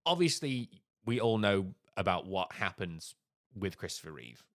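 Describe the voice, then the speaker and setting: Man, low voice, podcast co-host, casual storytelling, playful asides. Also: a little slow. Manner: storytelling, animated impressions. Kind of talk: casual chat.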